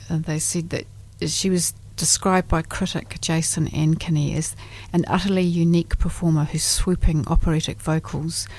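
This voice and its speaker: A woman's voice: low-pitched, a little mellow. A woman with a New Zealand accent hosting a radio music show in a casual, chatty, informal way. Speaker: radio host. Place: radio studio.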